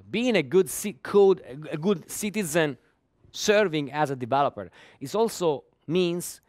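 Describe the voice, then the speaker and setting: At a developer conference, a middle-aged Italian man who speaks Italian as his first language gives a technical talk in English with a fairly high voice. He repeatedly stumbles over words while reaching for the next one, letting out small laughs, and the recording is dry, close, and free of room sound.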